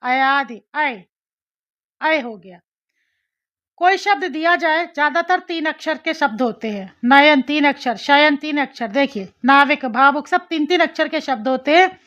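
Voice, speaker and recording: A high, bright female voice teaching a grammar lesson at an unhurried pace. She explains step by step, sounds out syllables again and again and asks rhetorical questions. The audio is slightly dull and lo-fi.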